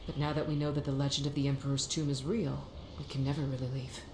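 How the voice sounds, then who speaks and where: Game guardian: deep for a woman, solemn, gracious, formal, echoing over music. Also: little pitch movement, quick pace, darkish tone, slight background noise. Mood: solemn, resolute. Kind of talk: video game character dialogue.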